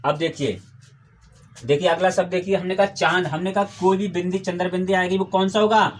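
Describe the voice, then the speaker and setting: High-voiced male teacher drilling a class. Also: fairly even intonation, brisk. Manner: quizzes the class with call-and-response questions; patient, repeats key terms. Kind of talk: classroom Hindi grammar lesson. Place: classroom with students.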